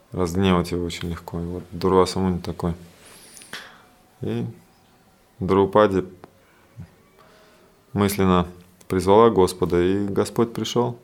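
A man with a deep, low voice leads a scripture study class. He explains loosely and conversationally, circling back with fillers and asides as he goes.

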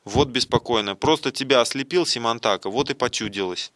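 A man reading the part of a wise, elderly female ascetic in a devotional play, speaking gently and solemnly. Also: mid-range voice, brisk, no room sound, natural voice.

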